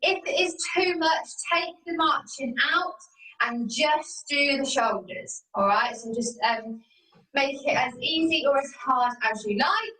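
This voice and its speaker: A woman's voice: sits high, animated, measured pace, sharp tone. A young woman teaching a live exercise class from home over a video call, encouraging and cueing each move step by step. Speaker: fitness instructor. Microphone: video call from a laptop or phone camera. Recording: roomy video call audio from a distance.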